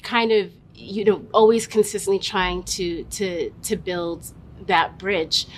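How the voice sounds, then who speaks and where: A woman's voice: steady tone, takes it slowly. A woman telling personal stories as an interviewee in a thoughtful, conversational way. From Massachusetts, US, West African parents. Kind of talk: reflective personal storytelling. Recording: noticeable background noise, low rumble.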